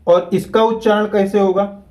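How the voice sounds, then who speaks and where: A man, teaching a grammar lesson at a whiteboard. He repeats key terms slowly and deliberately so students can keep up. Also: sits high, little pitch movement, darkish tone, rough recording.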